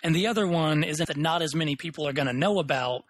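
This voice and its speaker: A young man co-hosting a casual tech podcast, opinionated and quick, thinking aloud as he talks. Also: fairly high pitch, no echo, poor audio. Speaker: podcast co-host.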